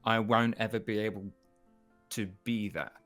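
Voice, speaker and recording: A man, a musician guest, speaking in a soft, reflective way with frequent restarts. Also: fairly low pitch, fairly even intonation, normal speed, faint music behind. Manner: soft-spoken, reflective, stammers and restarts often. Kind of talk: relaxed interview chat.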